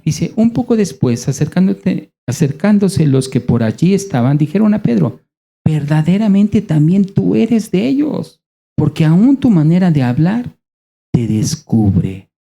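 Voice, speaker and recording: A male preacher with a Mexican accent and a very dark, mellow voice. He teaches in a conversational way, asking his listeners questions and pausing for effect. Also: high-pitched, big pitch swings, creaky. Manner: conversational, rhetorical questions, dramatic pauses. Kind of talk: sermon.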